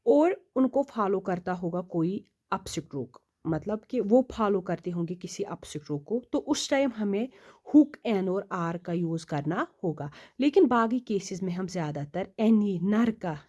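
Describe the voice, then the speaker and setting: Slow-paced woman teaching stenography. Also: medium pitch, warm tone. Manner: slow, repeats questions and answers them herself; reads English rule text slowly and deliberately. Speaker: shorthand teacher. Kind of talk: classroom explanation.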